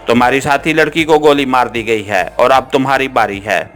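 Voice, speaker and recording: A man voicing an armed male cult guard in an audiobook, speaking in a harsh, flat tone over soft background music. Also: mid-range voice, moderate pace, lightly acted. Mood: menacing. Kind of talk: audiobook character reading.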